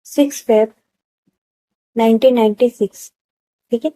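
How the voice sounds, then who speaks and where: A woman voicing an easygoing, teasing woman of thirty, with a hoarse throat. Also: a little high, fairly even intonation, measured pace, dark tone, dry recording, natural voice, rough recording. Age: 30s.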